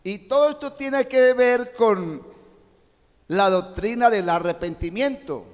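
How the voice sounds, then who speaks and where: High-voiced pastor preaching in a reverberant church. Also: male voice. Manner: slow, deliberate preaching that swells loud when reading scripture. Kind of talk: sermon. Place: church sanctuary. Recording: long church reverb, live stream.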